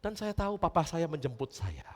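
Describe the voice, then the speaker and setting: A male pastor preaching a storytelling sermon, often turning to his congregation and swinging between loud emphasis and hushed lines. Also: fairly high pitch, a little fast. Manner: animated storytelling, often addressing listeners as brothers and sisters. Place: church. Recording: long church reverb.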